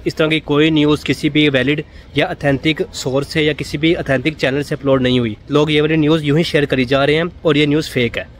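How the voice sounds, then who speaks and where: A man's voice: medium pitch, slight background noise. A man from Pakistan, explaining things in a casual vlog, conversational and repetitive, mixing in English words. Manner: conversational, repeats points, mixes in English words. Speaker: vlogger. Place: in Saudi Arabia.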